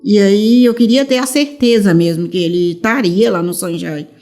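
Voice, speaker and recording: A woman tells her story in a mellow, warm voice. She rambles, restarts her sentences and acts out the old dialogue. Soft music plays faintly behind her. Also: medium pitch, moderate pace. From São Paulo, Brazil. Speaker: mother of a missing teenager. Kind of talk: emotional personal testimony.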